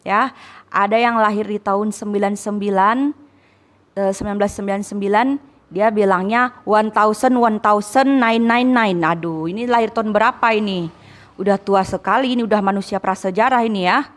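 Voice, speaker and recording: A woman's voice: medium pitch, steady tone, moderate pace. Indonesian-accented woman, English teacher, patient and repetitive, lightly teasing. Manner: patient, repeats words, teasing. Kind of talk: classroom lesson, correcting students.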